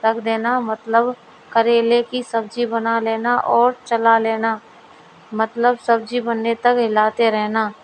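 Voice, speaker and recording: A woman's voice: on the high side, monotone, slow, slight background noise, low-quality recording. A woman voicing a stern, exasperated middle-aged mother-in-law in a family storybook. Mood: scolding. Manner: scolding, exasperated. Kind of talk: storybook dialogue reading.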